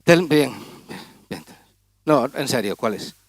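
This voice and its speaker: A man's voice: medium pitch, lively intonation, slow pace, dry recording. A man doing comic stage patter as a magician, teasing and chatting with volunteers in front of a gala audience. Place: auditorium stage.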